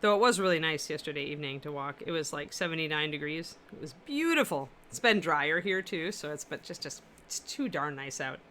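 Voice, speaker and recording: While painting miniatures on a livestream from her apartment, a woman chats casually and answers viewer comments. Her low voice is expressive, brisk and nearly pause-free, fairly bright in tone, powerful and carrying. A little hiss or hum can be heard.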